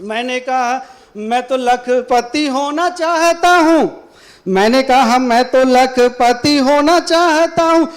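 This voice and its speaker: A man reciting humorous Hindi poetry at a college competition, repeating his lines slowly for effect. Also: very high voice. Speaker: poetry contestant. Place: college auditorium.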